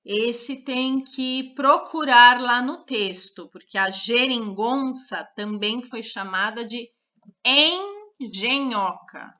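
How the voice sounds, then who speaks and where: Woman, grade-school teacher, patient repetition, somewhat high voice, muffled recording. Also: pushed and bright. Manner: spells out syllables slowly and repeats each word. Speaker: third-grade Portuguese teacher. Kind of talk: slow, careful classroom lesson. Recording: dull lo-fi recorded lesson.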